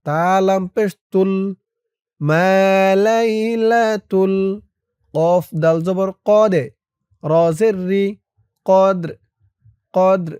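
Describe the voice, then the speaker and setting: A man teaching Quran reading in Bengali style, spelling each syllable slowly and then chanting the words drawn out. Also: sits high, darkish tone, clean tone, no room sound, studio quality. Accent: Bangladeshi Bengali. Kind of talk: letter-by-letter Quran reading lesson.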